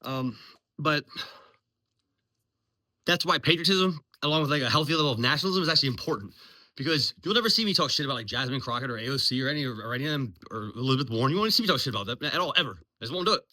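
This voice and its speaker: This is an unscripted monologue from a US military veteran vlogger out of Virginia, a man in his 40s close to fifty who rambles bluntly and swears, filling gaps with ums. He speaks rapid-fire at medium pitch, with lively intonation and a pushed, bright tone.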